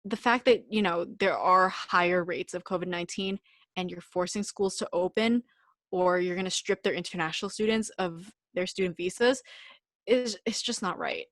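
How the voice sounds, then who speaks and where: A woman's voice: on the low side, moderate pace, fairly bright tone, dry recording. A young woman co-hosting a casual podcast, speaking emphatically and repeating words for stress. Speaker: podcast co-host.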